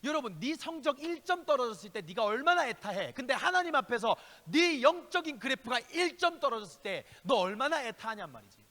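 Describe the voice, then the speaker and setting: Male youth pastor, high lively voice, bright and sharp; impassioned, rhetorical questions, long church reverb. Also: brisk, few pauses. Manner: impassioned preaching, shifting between loud exhortation and hushed asides; speaks directly to listeners with rhetorical questions. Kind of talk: youth sermon. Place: church sanctuary.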